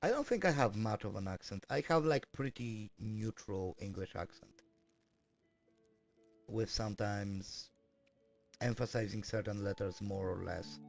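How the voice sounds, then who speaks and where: This man's voice sits on the low side, with vocal fry and a measured pace, over soft background music. He chats casually on a live stream while working, hesitating often, filling gaps with fillers and correcting himself.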